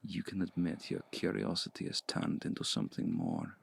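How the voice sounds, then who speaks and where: A man voices a seductive, commanding male vampire in an intimate ASMR roleplay, his low, gravelly, breathy voice very animated and exaggerated. He speaks slowly and deliberately, often in a hushed near-whisper, with a coaxing, seductive mood. The close mic captures a dry sound.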